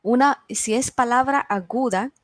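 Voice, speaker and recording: A woman teaching a beginners' class online, sounding out each word slowly and clearly for her students. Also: on the high side, dry recording. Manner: slow, carefully enunciated word drills. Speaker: Spanish teacher.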